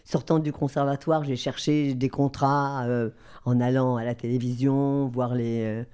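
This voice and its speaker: Mellow-voiced older woman telling stories. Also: rumbling low, a little slow, smooth. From southern France. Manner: lively, acts out the people she quotes. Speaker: guest, voice actress. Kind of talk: anecdotal storytelling.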